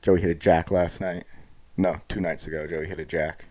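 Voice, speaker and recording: A man's voice: low voice, level tone, moderate pace, a little mellow. A man co-hosting a casual podcast, teasing his friend with dry wisecracks and talking sports with enthusiasm. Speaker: podcast co-host. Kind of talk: casual chat. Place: recorded face to face in Texas.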